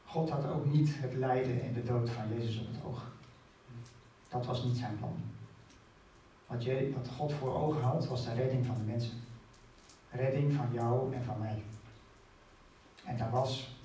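A man's voice: mid-range voice, steady tone, measured pace, pauses often, dark tone. A man giving a conversational sermon, retelling and reading scripture aloud. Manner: conversational, with fillers and restarts, reads passages aloud. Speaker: preacher. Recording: very echoey hall, voice far off, faint room hum.

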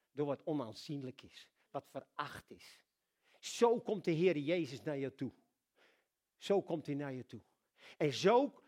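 Preacher, male, slightly high voice, animated storyteller who repeats words for emphasis. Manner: storytelling, with big swings in loudness and frequent repetitions. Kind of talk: sermon.

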